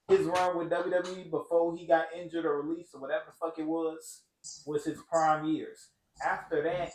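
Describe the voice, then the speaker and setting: A man's voice: fairly high pitch, darkish tone. A man hosting a casual podcast chat, blunt and profane, talking in asides. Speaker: podcast host. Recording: echoey room with faint noise.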